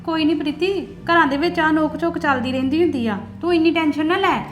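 A woman's voice: sits high, fast talker, natural voice. A woman playing a caring elder sister-in-law in a family drama, reassuring and gossipy. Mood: calm. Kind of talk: Punjabi family drama acting.

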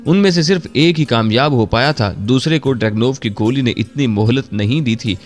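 A man narrating a war adventure in a steady, measured read. His voice sits at an ordinary middle pitch. A soft music bed plays faintly underneath. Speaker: story narrator. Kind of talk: scripted narration of a war story. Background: faint background music.

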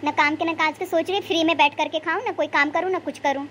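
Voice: high-pitched, steady tone, fast talker, fairly bright tone, a little hiss or hum. A performer voicing a cruel young daughter-in-law in a cartoon, sneering and threatening. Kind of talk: cartoon voice acting.

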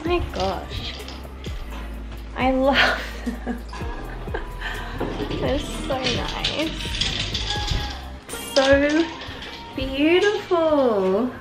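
A woman's voice: sits high, very animated, extremely slow, long pauses, roomy sound, over music. A woman in her thirties, a family vlogger mum chatting casually at home, gushing and emotional and repeating her exclamations. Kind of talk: casual vlog chat.

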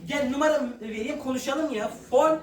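A teenage boy playing a referee in a school stage comedy, loud and exasperated. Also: very high-pitched, normal speed. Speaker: comic referee in a school play. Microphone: far room recording. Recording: echoey hall from far off, noisy.

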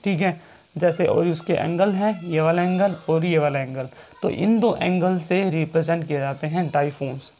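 A man teaching shorthand in a classroom-style lecture, repeating each point and checking in often, and reading English rule text out slowly. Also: fairly high pitch, a little mellow.

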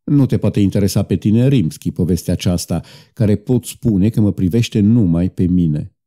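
A man's voice: sits low, dark tone. A man voicing a proud, bitter young guard officer who talks sadly and defensively in an audiobook.

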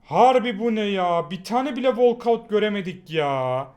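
A young man commentating mobile football pack openings, shouting hype at the game and groaning when the luck turns bad. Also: high voice, animated, normal speed.

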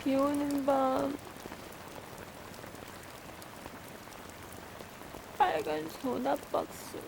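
A woman's voice: high-pitched, level tone, slow, creaky, background noise, exaggerated voice. An actress playing a drunk, lovelorn young woman in a romantic comedy film, weepy and silly, slurring and rambling. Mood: wistful. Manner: rambling, whiny, dragging out words. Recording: film scene with music and rain behind.

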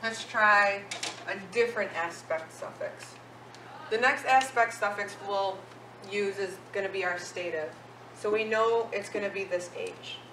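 A woman's voice: mid-range voice, unhurried, background noise. A woman teaching a language lesson, patient and checking in with her learners. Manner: patient, asks questions and checks in with "okay?". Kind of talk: classroom-style language lesson. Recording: roomy, echoey sound from a distant mic.

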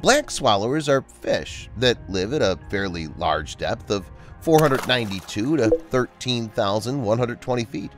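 A man's voice: medium pitch, expressive, measured pace. A man reading scripted nature documentary narration as a narrator, over background music. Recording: music under the voice.

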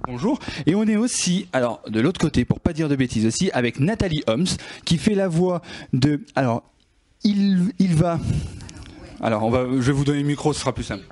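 A man's voice: a little high, animated, brisk, a little mellow. A man hosting a casual radio interview, talking hesitantly with many restarts.

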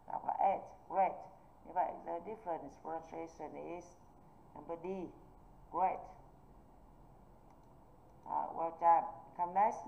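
A woman's voice: sits low, gravelly, a little hiss or hum. A woman English teacher, patiently walking students through an online exam review and often checking that they follow. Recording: tinny phone-like online call audio.

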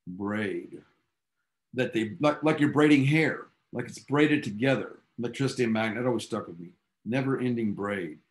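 In a medium-pitched voice and at a fairly quick pace, a man delivers a physics lecture to his class. He's an enthusiastic, casual storyteller about the science's background, with offhand asides to the students.

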